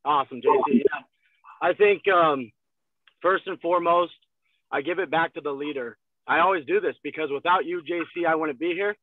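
A man in his twenties giving an energetic motivational sales talk from a car, heard over a video call. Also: fairly high pitch, normal speed, no room sound. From Texas. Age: 20s. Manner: energetic, gestures a lot, repeats phrases. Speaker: guest salesman. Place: in a parked car. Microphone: phone on a video call. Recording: thin phone-like video call audio.

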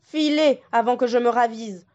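A woman doing Lucas, a soft-hearted wolf. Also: fairly high pitch, moderate pace, highs cut off, lightly acted. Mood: musing. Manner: musing, grumbling to himself. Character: hungry but soft-hearted male wolf.

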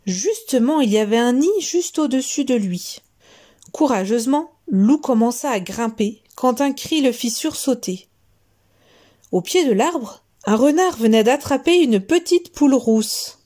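A woman storyteller reading a children's tale aloud in a gentle, expressive way. Her delivery is slow and unhurried, with a mellow tone, pitched a little high.

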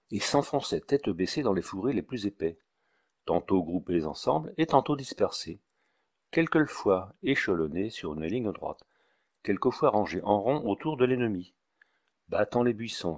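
A man narrating a classic story as an audiobook reader, in a measured, expressive way. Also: lowish voice. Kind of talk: audiobook reading of a classic novel.

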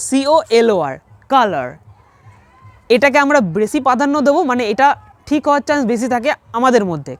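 A woman with a fairly high, very animated voice walks learners through English spellings, spelling out each word letter by letter. She is patient and encouraging, and the sound is close and dry. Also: dry recording. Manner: patient, encouraging, repeats words slowly. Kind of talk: online lesson, spelling aloud.

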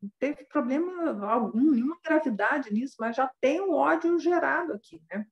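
A woman voicing a gentle, reasoning male ascetic. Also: high voice, animated, moderate pace, reverberant, dull audio, voice pushed up. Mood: reasoning, compassionate.

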